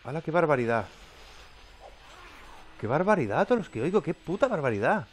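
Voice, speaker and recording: A man talks through his gameplay in a lively, wide-ranging voice that leaps up when he gets scared. He curses and mutters to himself in a jumpy, nervous way. A faint hiss sits under the recording. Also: fairly high pitch, moderate pace. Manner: jumpy, swearing, yelping when frightened. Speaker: gameplay commentator. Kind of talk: let's play commentary.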